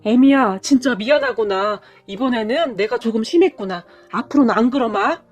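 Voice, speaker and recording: Woman doing a joking old grandpa, slow and hearty, bit high and bouncy. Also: lively intonation, soft background music. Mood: apologetic. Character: playful elderly man, prankster father-in-law.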